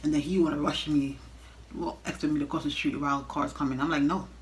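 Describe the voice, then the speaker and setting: A young woman telling a casual, animated storytime rant, blunt and exasperated, swearing freely as she talks straight to viewers. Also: deep voice, quick pace, slight background noise, low-quality recording. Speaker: storytime vlogger.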